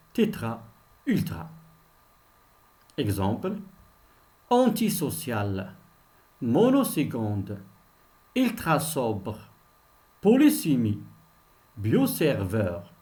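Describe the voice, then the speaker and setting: Slow, lively French reading teacher. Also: male voice, mid-range voice. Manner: repeats each word twice, explains meanings simply. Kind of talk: slow reading-lesson pronunciation drill.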